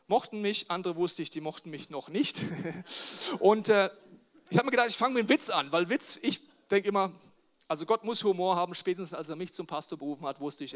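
A man with a noticeably high voice delivers a sermon as a pastor. He is animated and full of jokes, swinging between loud punchlines and quiet, earnest stretches. He keeps turning to the audience with questions. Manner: animated, jokey, talks straight to the crowd with questions. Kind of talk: lively sermon. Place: church service with a live audience.

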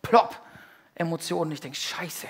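Male preacher giving a sermon in church. Emphatic and slangy, with loud bursts and quiet, confessional stretches. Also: high voice, fairly quick. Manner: emphatic, swings between loud outbursts and hushed confessions; colloquial, slangy. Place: church service before a congregation.

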